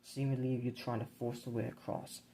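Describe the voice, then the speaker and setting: Man reading grim game narration flatly. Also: mid-range voice, a little hiss or hum, rough recording. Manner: measured, grim storybook reading. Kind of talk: scripted narration of a board game campaign.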